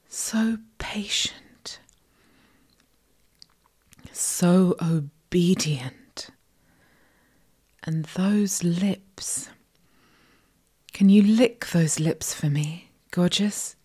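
Woman, breathy whisper, very slow, mellow tone, soft commanding roleplay, close mic. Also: lowish voice. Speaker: audio roleplay performer. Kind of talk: whispered intimate audio roleplay addressed to the listener.

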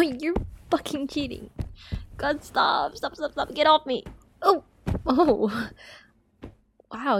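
A woman's voice: high voice, a little hiss or hum. A young woman voicing a cocky, teasing friend's older sister in an audio roleplay, swearing freely and laughing often. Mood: taunting. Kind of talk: audio roleplay addressing the listener.

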